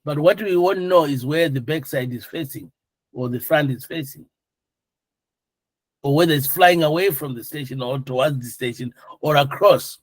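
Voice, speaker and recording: A man with a voice on the high side speaks at normal speed in a classroom lecture, explaining things informally as an instructor. He often checks understanding by asking students questions, and the recording is dry.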